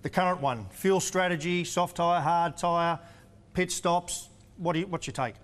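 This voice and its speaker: A man's voice: high voice, measured pace, a bit bright. A man co-hosting a motorsport TV show, asking drivers direct, chatty questions. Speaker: TV co-host and pit-lane reporter. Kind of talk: television interview.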